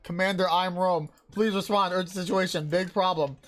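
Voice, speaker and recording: A woman's voice: lowish voice, steady tone, normal speed, natural voice. An actress voicing a young female soldier in a game, calling in urgently in short broken phrases. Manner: terse telegraphic phrases.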